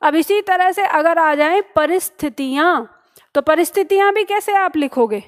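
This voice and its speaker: A woman's voice: very high-pitched, moderate pace. A woman teaching a spelling lesson to exam students, explaining step by step and often checking that they follow. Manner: asks questions and answers them herself. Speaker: Hindi teacher.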